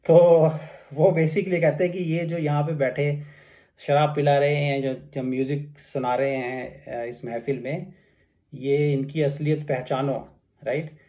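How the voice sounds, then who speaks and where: A man explaining classical couplets line by line in a casual teaching talk, reciting each verse and then unpacking its words with plenty of pauses and restarts. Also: on the high side, flat delivery, warm tone. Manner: reflective, many fillers and restarts. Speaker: poetry explainer. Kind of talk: explaining Urdu couplets in Hindi with English.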